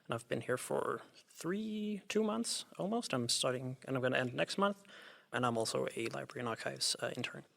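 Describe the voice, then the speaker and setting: A man's voice: mid-range voice, animated, brisk, creaky, a bit bright. A young man in his twenties, a history student and intern, speaking thoughtfully with some hesitation. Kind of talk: casual interview talk.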